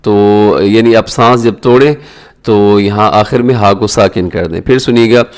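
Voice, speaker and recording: A man teaching prayer recitation, chanting the words slowly and drawn out, then explaining pronunciation in quick asides. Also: lowish voice, clear, resonant tone. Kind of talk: instructional recitation lesson.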